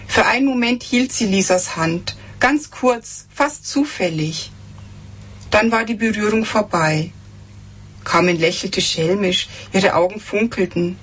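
A woman reading aloud from her own novel with expression, voicing the characters' lines higher and slowing down for tense moments. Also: fairly bright tone, husky. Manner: acts out dialogue with raised pitch, slows for dramatic lines.

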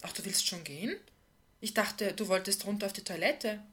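A woman voicing an exuberant, flirtatious woman in her thirties who talks loudly and eagerly. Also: medium pitch, normal speed, natural voice. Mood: delighted. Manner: loud, bubbly, pushy.

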